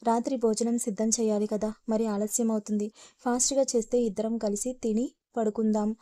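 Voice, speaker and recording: A woman's voice: on the high side, little pitch movement, fairly quick, mellow, no room sound, close to an everyday voice. A woman reading the part of a pushy young lover. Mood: insistent. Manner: coaxing, pressing. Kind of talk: storybook reading.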